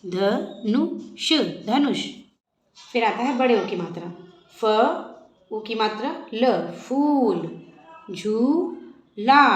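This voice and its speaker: A young woman teaching a slow classroom lesson, spelling words out syllable by syllable and then blending them. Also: on the high side, darkish tone. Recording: echoey room.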